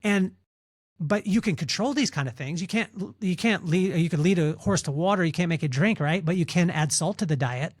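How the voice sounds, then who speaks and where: In a storytelling interview, a podcast guest with a fairly high voice talks at a normal speed. He makes his points animatedly, repeating words and imitating what other people said. The audio is close and dry.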